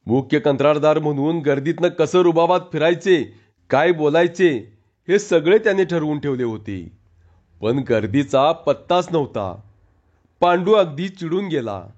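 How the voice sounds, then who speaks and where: A man giving an expressive scripted narration of a humorous village story, on a dull lo-fi recording. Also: a little high.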